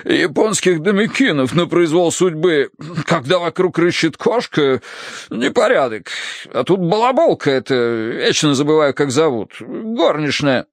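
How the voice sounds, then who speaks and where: A man's voice: fairly high pitch, big pitch swings, a little slow, no room sound, clean studio sound, pitched above the performer's own voice. A man doing a blustering old colonel. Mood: grumbling. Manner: blustering, barking orders. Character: gruff, irritable old colonel.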